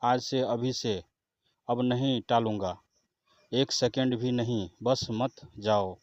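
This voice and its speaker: A man's voice: mid-range voice, fairly even intonation, takes it slowly, no room sound, lightly acted. Desperate grieving young husband, read by a man. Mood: pleading. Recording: dull lo-fi recording with faint guitar.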